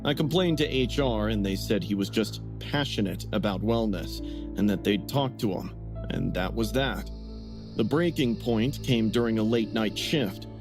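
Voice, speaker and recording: A man narrating a first-person story in a scripted, even telling. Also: on the low side, normal speed. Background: music.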